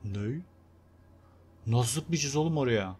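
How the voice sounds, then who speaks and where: Excitable young man narrating his gameplay. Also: mid-range voice, takes it slowly, breathy edge. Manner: chatty, excitable, talks to viewers and the game character. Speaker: gameplay video host. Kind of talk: casual let's-play commentary.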